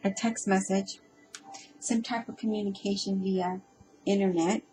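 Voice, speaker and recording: A woman reads tarot cards aloud in a relaxed, off-the-cuff way, addressing the listener directly. She stops and starts often, repeating herself and filling pauses with ums. Her voice sits at an ordinary middle pitch, with a faint ambient hum behind her. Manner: hesitant and halting, with frequent ums and self-repeats. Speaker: tarot reader. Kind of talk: casual spoken tarot reading.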